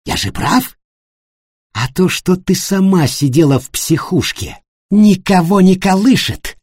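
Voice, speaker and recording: A man voicing an angry, resentful male hotel worker who shouts scornfully. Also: high-pitched, expressive, unhurried, breathy edge, no room sound, clean studio sound, pitched above the performer's own voice, exaggerated voice. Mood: furious.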